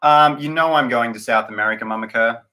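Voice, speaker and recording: A man's voice: mid-range voice, quick pace, bright, forceful tone. An Australian man hosting a live stream, chatting loosely with many fillers and restarts as he greets viewers and reads out their comments. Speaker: livestream host.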